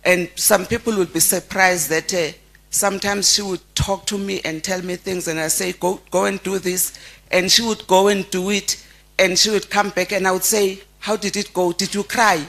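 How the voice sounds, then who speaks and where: A middle-aged South African woman, a close family friend, giving a heartfelt memorial tribute and telling stories with frequent halting restarts. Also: mid-range voice, steady tone, gravelly, a bit bright. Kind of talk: memorial eulogy.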